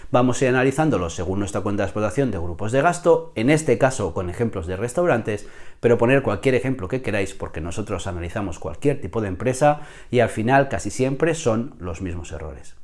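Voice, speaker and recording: A consultant with a hoarse, lowish, slightly mellow voice explains business mistakes to the camera, often checking in with the viewer.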